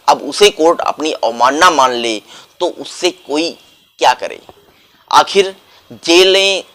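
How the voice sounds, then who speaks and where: A man with a slightly higher voice giving political news commentary as its host. He keeps firing rhetorical questions and punches key words with sudden lifts in pitch. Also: fairly bright tone. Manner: rhetorical questions, emphatic rising stresses.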